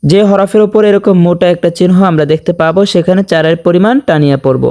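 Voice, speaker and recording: A man teaching a tajweed lesson, explaining each rule step by step and chanting the verses very slowly. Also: sits high, warm tone. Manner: checks in with "okay?". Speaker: Quran recitation teacher. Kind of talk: tajweed lesson with slow recitation.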